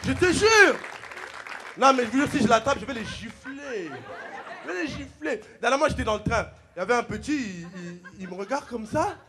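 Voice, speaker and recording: A man from the Congo doing loud, joking stand-up comedy on a TV stage, laughing through his lines. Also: very high voice, expressive, moderate pace, some chatter behind, slight background noise. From Democratic Republic of the Congo. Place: TV studio stage with a live audience.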